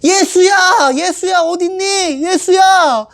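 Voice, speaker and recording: A woman's voice: very high-pitched, slow pace, gravelly, pitched above the performer's own voice, heavily acted. A woman voicing a worried mother frantically calling for her missing son. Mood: frantic.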